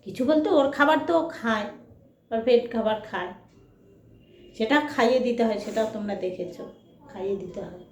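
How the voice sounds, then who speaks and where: Woman, casual home vlog, coaxing baby talk, fairly high voice, echoey room, faint hum. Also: a little fast, long pauses, a little mellow. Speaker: vlogger. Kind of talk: casual chat with viewers while feeding her dog.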